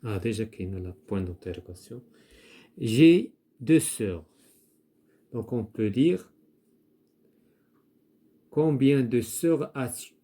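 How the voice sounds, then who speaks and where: Male schoolteacher, slow repetitive explainer, warm low-key tone. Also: lively intonation. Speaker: teacher. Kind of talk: primary-school grammar lesson, writing on a board.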